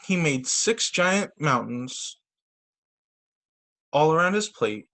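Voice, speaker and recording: Reading children's picture books aloud on a video call, this male story time teacher uses an expressive, sing-song storytelling style with quick asides. His voice is a little high, and he goes slowly.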